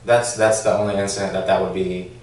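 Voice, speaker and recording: A man's voice: deep voice, little pitch movement, fairly quick, darkish tone. A man, a former police officer, answering questions at a formal hearing, hesitant, with many fillers and restarts. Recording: echoey room, distant mic, faint noise.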